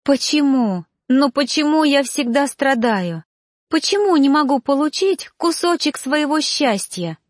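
Desperate young heroine, pleading and near tears, a touch higher , a woman reader doing her. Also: expressive, unhurried, no echo, studio quality.

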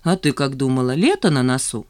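A woman's voice: very deep voice, very animated, fairly quick, darkish tone, no echo, studio quality. A woman reading an audiobook, voicing a mild, patient young man.

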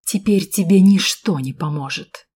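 Woman narrator voicing villainous man, slow, gloating, menacing. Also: lowish voice, dark tone, breathy edge.

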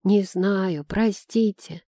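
A woman reading an audiobook voices a frightened elderly male coachman who speaks slowly, quietly and haltingly. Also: medium pitch, no echo, clean studio sound, close to an everyday voice. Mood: shaken. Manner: slow, hushed, halting delivery.

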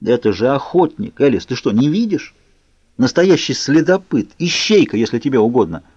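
A man voicing a cold, angry young male vampire in an audiobook, talking low and clipped. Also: sing-song, normal speed, darkish tone, husky, dry recording. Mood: urgent. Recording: muffled lo-fi recording.

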